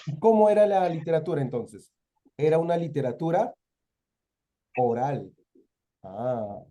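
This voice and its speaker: Lively Peruvian male teacher, mellow tone. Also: fairly high pitch. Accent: Peruvian Spanish. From Peru. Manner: lively, asks students questions and answers them himself. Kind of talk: exam-prep literature lesson.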